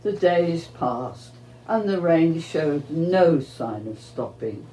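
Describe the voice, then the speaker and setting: A storyteller narrates a scripted storybook at an unhurried pace. The tone is dark and mellow, recorded with a roomy echo. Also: mid-range voice, expressive. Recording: roomy, echoing sound.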